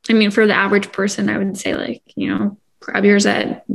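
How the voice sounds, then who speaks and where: A woman's voice: medium pitch, flat delivery, a little fast, vocal fry. A young woman co-hosting a podcast in casual chat, talking in a chatty way with many "like" and "um" fillers. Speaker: podcast co-host.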